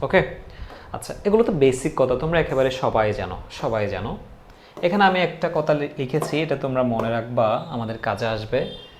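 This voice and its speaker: A man's voice: mid-range voice, lively intonation, brisk, slight background noise. A male teacher giving a casual grammar lesson, repeating key points and quizzing his students. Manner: repetitive, drilling students with questions. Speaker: English teacher.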